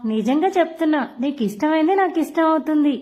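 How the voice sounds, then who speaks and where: A shy young bride from a storybook, sweet and bashful with her new husband, voiced by a woman. Her voice is high and bright. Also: animated, fast.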